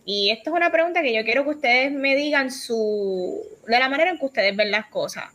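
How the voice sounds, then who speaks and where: A woman's voice: sits high, lively intonation, brisk, fairly bright tone. A woman hosting a casual podcast chat, talking animatedly and mixing English words into her Spanish. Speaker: podcast host.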